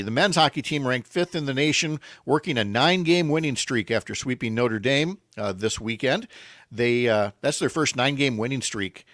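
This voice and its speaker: A man hosts a radio show in a very dry, close sound. He banters in an animated way with quick bursts of excitement, then reads sports scores in a brisk roundup. His voice sits in a middle range. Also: medium pitch, no echo. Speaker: radio talk show host. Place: home by a lake window.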